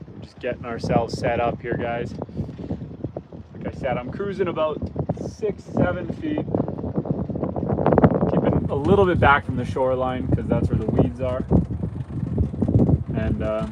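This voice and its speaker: Fishing from a boat on a rainy lake, a hoarse Canadian man whose voice is fading chats easily with his livestream viewers, greeting them by name. He's an adult father of young kids who hosts an outdoors channel, speaking in an expressive, unhurried mid-range voice with long pauses. Wind and the boat motor run through the windy stream.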